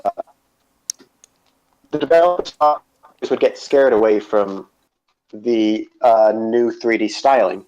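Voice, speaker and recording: A man co-hosting a casual gaming podcast, talking haltingly with many fillers and restarts. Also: on the low side, a little mellow. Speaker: podcast co-host. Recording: dull lo-fi podcast audio.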